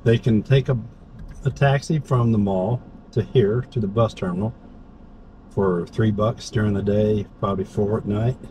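A man with a fairly low, steady voice at normal speed hosts a vlog while driving, chatting informally and frequently tossing in short tag questions. The recording is noisy, filled with car and road sounds from the moving vehicle's interior.

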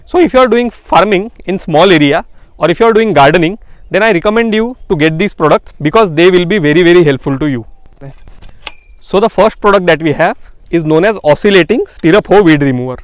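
High-voiced young man pitching farm tools. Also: dry recording, clean studio sound. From India. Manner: earnest, recommending, with frequent "uh" fillers. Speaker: farm tool seller and channel host. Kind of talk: product demonstration talk to camera. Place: outdoors in an open farm field.

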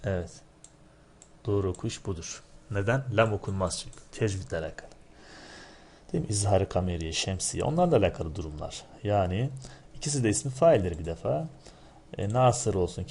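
A man's voice: low-pitched, darkish tone, a little hiss or hum. A male teacher in a recorded lesson going over exam answers, explaining step by step and often asking rhetorical checking questions. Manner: recites word forms in a drilled, chanting rhythm.

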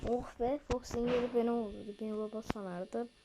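A woman giving casual, excitable commentary while playing a game, chatting to her viewers. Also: on the high side, fast, noisy background. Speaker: let's play gamer.

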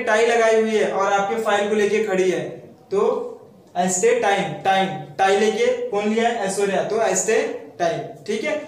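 A man teaching memory tricks and asking questions he then answers himself, in a steady explaining manner. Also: high voice. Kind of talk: mnemonic lesson for students. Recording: very echoey room, mic far off.

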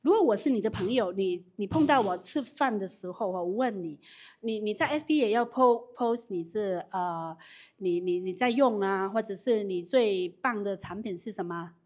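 A woman leading a live business training with audience questions, animated and quick to restart her sentences. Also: mid-range voice.

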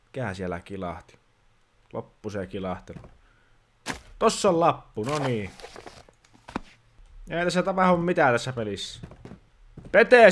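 A man's voice: medium pitch, fairly bright tone, a little hiss or hum. A man doing casual let's-play commentary as a grumpy dad, exasperated and scolding, grumbling at the game as he plays. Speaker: gaming channel host playing a dad persona.

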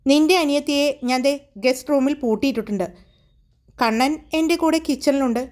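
A woman's voice: high-pitched, fairly quick, darkish tone, natural voice. A woman voicing a caring middle-aged mother who teases her daughter playfully in a storybook tale. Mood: teasing. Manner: fond, scolding playfully.

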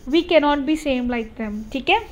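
Woman, slight Punjabi accent, high pitch, unhurried pace, live online class teacher, reassuring coach. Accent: Punjabi-tinged Indian English. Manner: mixes Hindi and English, reassuring and coaching. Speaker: IELTS teacher. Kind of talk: live online class, reading viewer comments.

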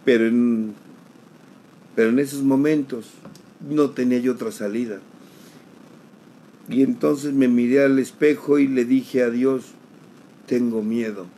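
A middle-aged man, giving an emotional personal testimony at a recovery group, slowly, repeating phrases for emphasis. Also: medium pitch, fairly even intonation, warm tone, slight background noise, low-quality recording. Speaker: sharer at a recovery group meeting.

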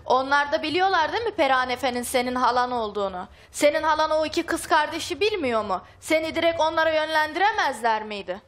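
A woman's voice: sits high, expressive, fast, hardly any pauses, fairly bright tone. A woman guest on a studio talk show, challenging and accusing someone with question after question. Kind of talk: heated argument.

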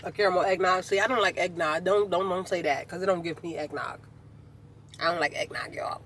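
A man vlogs from inside a car, chatting to his viewers in a casual, animated way as he talks to the camera. His voice is high and sharp, his tone steady, and his pace fairly quick. Car noise can be heard behind him.

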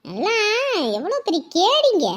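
A woman's voice: very high voice, huge pitch swings, measured pace, heavily acted. A woman playing a bossy married village woman who scolds and mocks her neighbours. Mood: mocking. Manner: scolding, sharp-tongued, teasing. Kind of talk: village comedy-drama acting.

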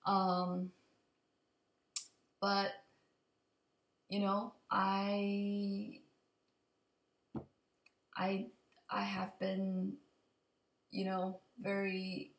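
Her delivery is completely flat: a young adult vlogger with a mid-range voice, slightly raspy and frequently creaky due to allergies. She halts and rambles through a casual, unplanned update to camera, recorded on a computer mic at desk distance in an echoey open kitchen and living room.

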